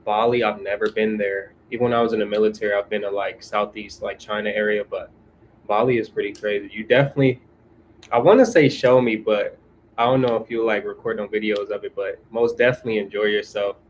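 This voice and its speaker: A laid-back man from California chats casually on a livestream, answering viewer comments in relaxed, slangy talk. His voice sits fairly low and stays level, with little rise or fall. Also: fast talker, slight background noise, rough recording. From California, USA.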